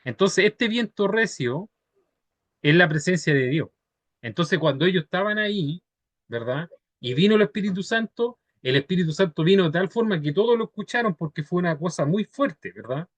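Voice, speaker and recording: A man leads a Bible study, explaining scripture patiently and conversationally and checking in with his listeners as he goes. His voice sits a little high for a man and sounds close and dry, with no room echo. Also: animated, moderate pace. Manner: ends phrases with checking tags, patient and conversational.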